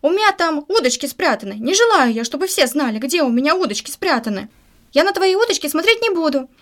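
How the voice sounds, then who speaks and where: A woman voicing a grumpy, impatient male fisherman in a storybook who scolds and shouts. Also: high voice, very animated, quick pace, pitched above the performer's own voice. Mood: grumbling.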